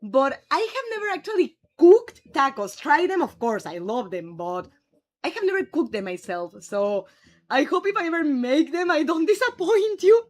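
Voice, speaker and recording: A young Mexican woman with a Mexican Spanish accent chats casually on a live stream, reading viewers' comments and answering their questions aloud in a friendly way. Her voice sits high with a darkish tone, very animated, at a moderate pace.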